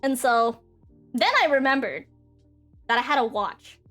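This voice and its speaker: A woman's voice: sits high, a little slow, a bit bright. A young woman streamer chatting casually and rambling with lots of fillers. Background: faint background music.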